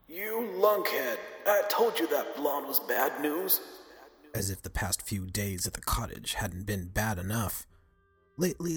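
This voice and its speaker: A man reading a story aloud in an expressive, scripted narration style. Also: medium pitch. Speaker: audiobook narrator.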